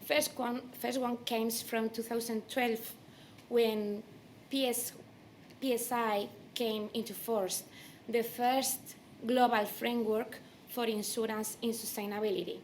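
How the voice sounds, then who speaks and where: Woman, Spanish accent, native Spanish speaker, unhurried delivery, fairly high voice, conference keynote, some background noise. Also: little pitch movement. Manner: non-native English with Spanish phrasing. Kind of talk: conference presentation.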